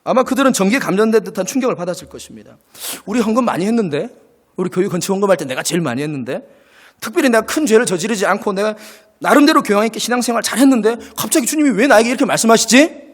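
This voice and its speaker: Long church reverb fills this recording of a man preaching a sermon in a sanctuary. His high-pitched voice has lively intonation and moves very fast as the pastor acts out small dialogues and shares laughs with the congregation.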